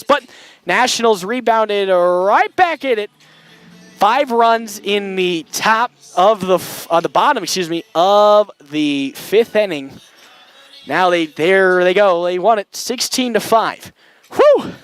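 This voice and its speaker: Excitable male post-game radio commentator, very high voice, breathless, outdoors at the ballpark. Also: no room sound. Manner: excited, breathless, laughing often. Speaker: radio sports broadcaster. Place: tent in a corner at an outdoor ballfield.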